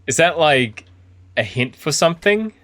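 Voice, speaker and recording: A man's voice: on the high side, lively intonation, unhurried, fairly bright tone, no echo. A man giving casual video game commentary, thinking aloud in a chatty, easily impressed way. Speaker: video game streamer playing an indie horror game.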